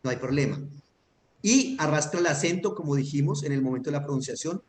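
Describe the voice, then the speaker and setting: A man's voice: fairly high pitch, fairly quick, darkish tone. Patient, methodical male teacher. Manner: patient, methodical, checks understanding often. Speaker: Hebrew teacher. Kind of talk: online grammar lesson. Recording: echoey room with faint noise.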